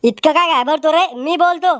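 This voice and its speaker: Over a noisy crowd, a man voices a blunt, mocking young village man in a cartoon, pitching his voice up. He speaks with a Varhadi Marathi accent at a normal speed.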